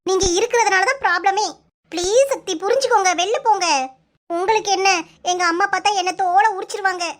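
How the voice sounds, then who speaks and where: Cartoon lead: a teary, stubborn young village girl with a Kanyakumari Tamil lilt and a very high, squeaky voice, a woman putting it on. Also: a little fast. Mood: pleading. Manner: pleading and sulky, high squeaky voice. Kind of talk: cartoon voice acting.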